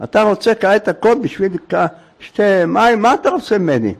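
A man voicing a proud, pious old man who protests in quick outbursts. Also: high voice, expressive, gravelly, full character voice. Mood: indignant.

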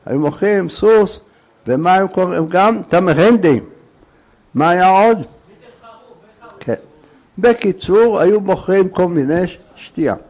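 Older man, folk tale storyteller, animated, high voice, gravelly. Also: long pauses. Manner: animated, acts out the characters' shouts.

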